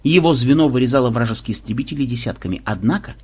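Чтец-мужчина, средний тембр, с хрипотцой, ровная подача. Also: male voice, medium pitch, lively intonation, very fast, darkish tone, husky. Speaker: audiobook reader. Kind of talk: scripted narration.

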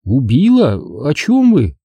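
A man voicing a rich, indignant middle-aged woman who protests in a shrill, squealing voice. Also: huge pitch swings, measured pace, dark tone, husky, dry recording, full character voice.

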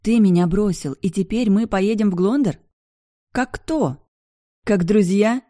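A woman's voice: mid-range voice, expressive, moderate pace, mellow, no room sound, studio quality, voice pushed up, natural voice. A reader voicing a petulant young woman who argues and pleads with her former lover in an audiobook. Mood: indignant. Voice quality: pleading, whiny. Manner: indignant, demanding. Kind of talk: audiobook dialogue.

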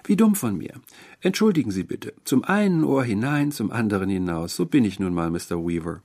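A man's voice: lowish voice, expressive, a little fast, a little mellow. A man voicing a genteel older landlady who is sweetly fussy and forgetful, with a prim, cooing manner.

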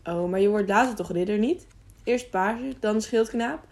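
A woman's voice: medium pitch, normal speed, natural voice. A woman voicing an eager, curious young mountain boy who asks question after question in a storybook reading. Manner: lively, eager, sometimes whispering excitedly.

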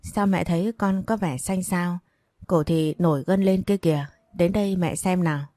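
A woman's voice: fairly low pitch, moderate pace, dark tone, dry recording, close to an everyday voice. A woman reading a worried, loving mother pressing her daughter. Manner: pleading, urgent questioning. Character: worried mother, poor, stern but loving.

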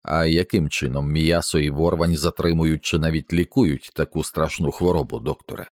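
A man's voice: a bass voice, fairly even intonation, normal speed, darkish tone, no echo, clean studio sound. A man voicing a practical naval officer who asks pointed questions, in an audiobook. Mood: questioning. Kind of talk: audiobook character reading.

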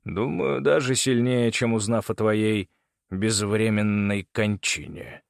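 A man voicing a cruel middle-aged soldier lieutenant who makes cold, sneering threats in a hoarse, rasping voice. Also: on the low side, fairly even intonation, slow pace, no room sound, clean studio sound. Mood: menacing. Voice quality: hoarse rasp.

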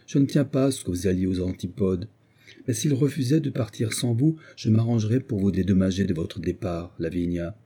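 A man's voice: fairly low pitch, a little fast, mellow, husky. A man voicing a cold, selfish, scheming middle-aged man in an audiobook, speaking with firm disdain. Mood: smooth.

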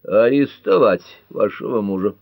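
A man's voice: lowish voice, unhurried, no echo, lo-fi sound, lightly acted. A man doing a dogged police chief. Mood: insistent. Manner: firm, official, insistent. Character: stubborn middle-aged police chief, dogged.

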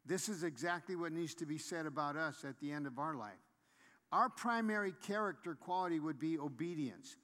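Emphatic preacher in a reverberant hall. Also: male voice, high-pitched, a bit bright. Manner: emphatic, repeats key points, rises to exhortation. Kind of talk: sermon.

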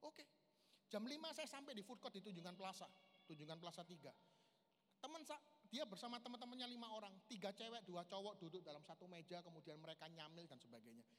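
A man gives an emotional church testimony, swinging from loud, high outbursts to hushed, low passages and calling the audience his brothers. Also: lively intonation, fast talker. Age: 40s. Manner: keeps addressing the audience as brothers. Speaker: lay preacher giving a testimony. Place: large reverberant hall at a men's camp. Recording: reverberant hall, faint background noise.

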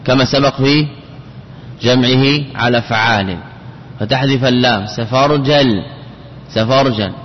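A man's voice: mid-range voice, a little slow, long pauses. A man gives a classical Arabic grammar lesson, drilling patterns by repeating words and stretching them out syllable by syllable. His voice carries a long reverb, as if in a large hall. The recording is dull and lo-fi with a faint background hiss.

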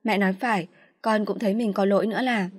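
A woman's voice: mid-range voice, fairly even intonation, quick pace, long reverb tail, close to an everyday voice. Woman voicing a meek, polite young daughter. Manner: polite, soft and submissive.

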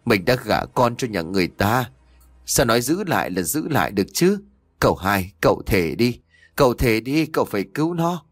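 A man voicing a remorseful old village father who pleads, shouts and frets in a storybook reading. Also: medium pitch, big pitch swings, normal speed, dry recording. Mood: anguished. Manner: pleading then shouting, emotional.

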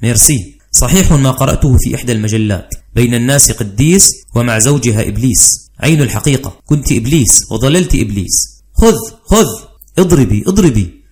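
A man's voice: medium pitch, lively intonation, fairly quick, close to an everyday voice. A man voicing a henpecked middle-aged male commander in a dramatized audiobook, fussy and wheedling. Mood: reproachful. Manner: fussy, wheedling, voice swinging between soft and loud.

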